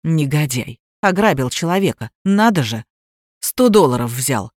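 A woman voicing a quarrelsome middle-aged mother who drinks, shrill and accusing, in a storybook reading. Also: very animated, measured pace, a little mellow, no room sound, studio quality, exaggerated voice. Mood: scolding.

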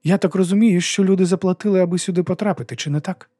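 A man voicing a calm, entranced young male guitarist who speaks slowly and firmly. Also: high voice, dry recording, studio quality, pitched above the performer's own voice. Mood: dreamy.

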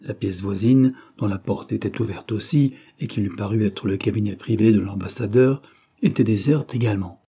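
Low, husky male narrator. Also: normal speed, mellow. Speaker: audiobook narrator. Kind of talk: scripted narration of a novel.

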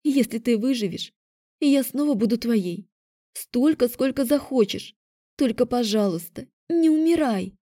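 A woman's voice: fairly high pitch, normal speed, hardly any pauses, mellow, no echo, clean studio sound, close to an everyday voice. A woman voicing a desperate young heroine who speaks in a pleading, trembling way. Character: desperate young woman, a dragon's former true mate.

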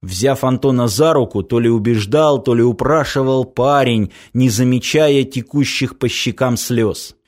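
A man narrating a dark action story in a measured, even scripted reading. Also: medium pitch. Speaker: audiobook narrator.

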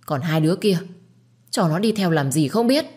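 Woman voicing a harsh storybook grandmother: loud, bossy, sharp-tongued. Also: fairly low pitch, animated, normal speed, natural voice. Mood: scolding. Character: harsh, scolding old grandmother.

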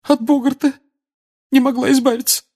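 A male audiobook reader voicing a distraught middle-aged mother who is crying and wailing in a high, breaking voice. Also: little pitch movement, normal speed, darkish tone, slightly rough, full character voice. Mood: tearful. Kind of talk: audiobook character voice.

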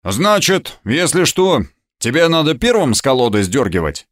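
A man's voice: medium pitch, sing-song, moderate pace, voice pushed up, close to an everyday voice. A man voicing a cheeky, bantering fellow who mocks his opponents in a teasing, mock-polite way.

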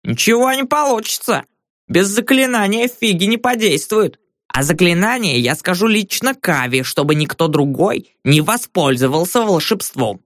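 A man's voice: on the high side, animated, normal speed, fairly bright tone, no echo, clean studio sound. A male audiobook narrator voicing a cheeky, cunning old peasant woman trader. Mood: sly, insistent. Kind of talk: audiobook character voice.

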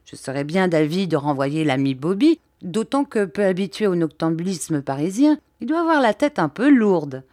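A woman's voice: lowish voice, sing-song, normal speed, few pauses, darkish tone, no room sound, studio quality. A woman voicing a bold, stubborn man who talks in blunt, slangy speech. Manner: blunt, colloquial, emphatic.

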